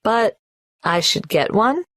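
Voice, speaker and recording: A woman's voice: mid-range voice, sing-song, slow, fairly bright tone, dry recording, clean studio sound, exaggerated voice. An actress playing a young woman migrant applying for a tax number, speaking hesitantly and carefully spelling out her details. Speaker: applicant at the tax office. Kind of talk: scripted exam dialogue.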